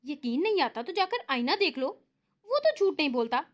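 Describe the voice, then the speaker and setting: A woman's voice: high-pitched, sing-song, normal speed. A woman voicing a cheeky young man who teases in a mock-innocent, boastful way.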